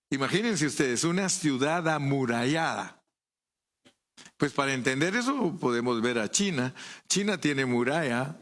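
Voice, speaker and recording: A man with a Guatemalan Spanish accent preaches a sermon conversationally, often putting rhetorical questions to the congregation. His voice is medium-pitched and a bit bright.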